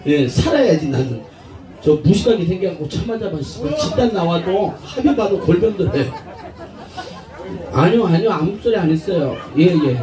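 Guy doing street prank comedy, high lively voice, brash and laughing, swears a lot, far-off echoey mic with crowd noise. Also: moderate pace.

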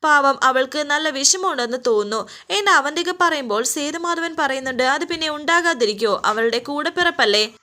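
A woman with a high, bright voice narrates the episode like a story, moving briskly through each scene in present tense. She reads the characters' quoted lines inside her own telling rather than acting them out. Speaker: serial episode recap narrator. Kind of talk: storytelling recap of a TV serial.

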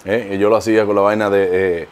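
A man's voice: lowish voice, quick pace, a little hiss or hum. A Dominican man, an impressionist comedian, telling stories and explaining his craft in a casual interview. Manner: lively storytelling, explains with examples.

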